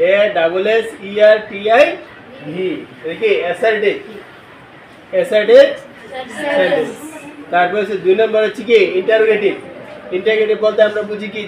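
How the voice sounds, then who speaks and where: A male teacher with a high-pitched voice leads a classroom lesson in call-and-response style, questioning the class and spelling words out letter by letter. The room is echoey, recorded from a distance, with slight background noise.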